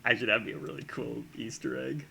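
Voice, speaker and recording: A man's voice: mid-range voice, steady tone, quick pace, vocal fry, bright, forceful tone, a little hiss or hum. A man streaming while he sculpts, chatting casually and musing aloud, often chuckling and trailing off into fillers as he works, into a desk microphone.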